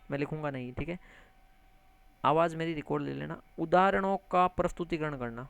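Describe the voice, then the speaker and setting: A man teaching an exam-prep lesson, animated, repeating key terms and addressing listeners as friends, with English words mixed into his speech. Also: a little high, creaky, smooth. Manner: mixes English words into lecture.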